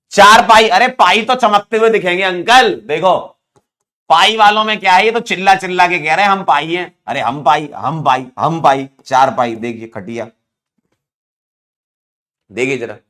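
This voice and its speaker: Male chemistry teacher from India, bright slightly high voice, playful teasing manner, live online class. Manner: playful, teasing, counts aloud.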